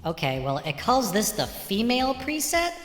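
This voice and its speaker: A man heard through a female pitch-shift preset, joking sheepishly about how he sounds. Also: sing-song, moderate pace, a bit bright, reverberant, big-room sound, soft background music.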